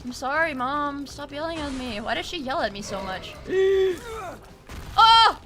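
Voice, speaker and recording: A woman streaming a game, chatting casually with excitable shrieks, gasps and swearing. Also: sits high, a little slow, over loud music. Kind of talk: casual gameplay commentary.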